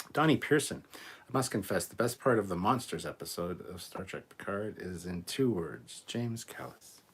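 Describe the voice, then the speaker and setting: A man with a slightly husky, fairly low voice, reading chat comments out loud on a live stream. He chats along easily, reacts to each note and lets his sentences trail off softly at the ends. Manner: relaxed and chatty, reads comments aloud, trails off softly. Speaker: host of a live fan show.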